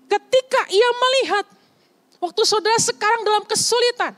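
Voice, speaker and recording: A young adult woman preaching a sermon in a conversational, lively way, often asking the congregation questions. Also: very high-pitched, fairly quick, faint music behind.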